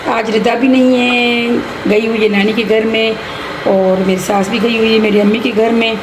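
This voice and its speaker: A woman's voice: fairly high pitch, fairly even intonation, moderate pace. A middle-aged mother chatting casually through a home cooking vlog, rambling and teasing, filmed on a phone in her kitchen. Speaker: vlogger and mother. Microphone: phone camera. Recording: echoey room with background noise.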